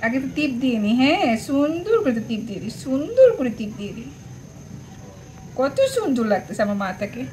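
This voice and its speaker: A woman's voice: high-pitched, big pitch swings, brisk, mellow, slight background noise, rough recording. A woman pet vlogger talking in doting baby talk to her cat, cooing and repeating words fondly. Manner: cooing, sing-song, repeats words affectionately.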